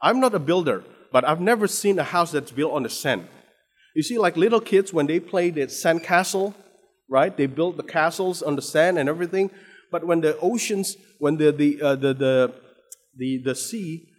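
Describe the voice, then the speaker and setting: An expressive, slightly high male voice at moderate pace belongs to a man from Indonesia preaching a sermon with an Indonesian accent. Frequent restarts and repeated words lead up to emphatic stress, all in long hall reverb.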